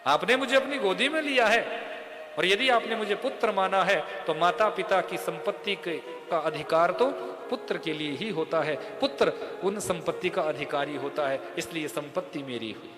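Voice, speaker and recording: A male preacher voices the god Narayana in a storytelling sermon, a calm, gently insistent male figure who reasons his claim step by step. The voice sits high for a man, carried by a long hall echo with music underneath. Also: moderate pace, natural voice. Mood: persuasive. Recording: echoey hall with music behind.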